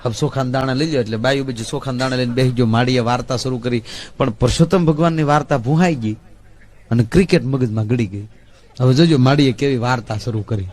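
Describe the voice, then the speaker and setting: A man's voice: medium pitch, quick pace, a little mellow. A man telling a comic folk story, acting out the village characters. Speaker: folk comedian.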